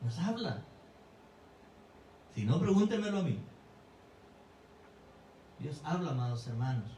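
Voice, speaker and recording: Male pastor, fervent sermon delivery, mellow tone, echoey church heard from a distance. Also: big pitch swings, measured pace, a little hiss or hum. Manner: emphatic preaching with sudden pitch swings. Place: church sanctuary.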